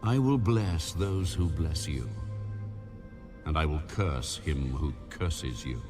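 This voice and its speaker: A man's voice: very deep voice, takes it slowly. A man voicing a solemn, commanding God in a dramatised audio Bible, with weighty declamation over music. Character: God, solemn commanding male voice promising blessings. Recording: music under the voice.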